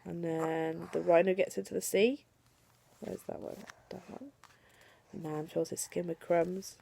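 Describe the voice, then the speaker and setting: A young woman, a mother, reads picture books aloud to her little daughter, coaxing her gently between pages. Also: lowish voice, measured pace, vocal fry, a little hiss or hum. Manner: animated storytelling voice, coaxing and gentle with her child.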